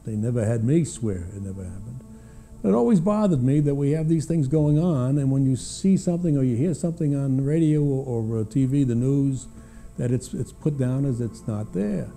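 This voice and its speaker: An older American man giving unscripted witness testimony in a hesitant, halting way, with frequent uhs and pauses. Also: medium pitch, animated, mellow, soft background music. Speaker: witness, former government aviation official. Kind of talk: personal testimony, unscripted recollection.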